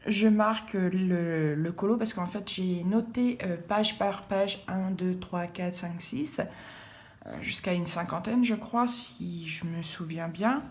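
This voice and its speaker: A woman's voice: on the low side, takes it slowly. A woman chatting casually about her art supplies, rambling with many fillers and repeated words. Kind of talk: casual chat.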